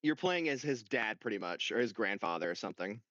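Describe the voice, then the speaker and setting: Young man, podcast co-host, casual gaming chat, excited storytelling, dull dry lo-fi sound. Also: fairly low pitch, brisk, dry recording. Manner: excited storytelling, swears a lot.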